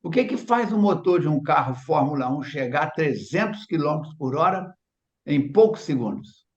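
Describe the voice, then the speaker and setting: A man's voice: fairly high pitch, animated, normal speed, roomy sound, highs cut off. A Brazilian man co-hosting a spiritist study, explaining ideas with everyday comparisons. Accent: Brazilian Portuguese. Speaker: study group co-host. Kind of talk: spiritist book study discussion.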